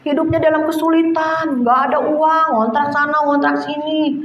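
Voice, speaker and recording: A woman preaching a lively sermon, urging her listeners on and calling them "saudara", often chuckling as she speaks. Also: high voice, normal speed, echoey room, lo-fi sound, a little hiss or hum. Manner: animated, exhorting, addresses listeners as "saudara".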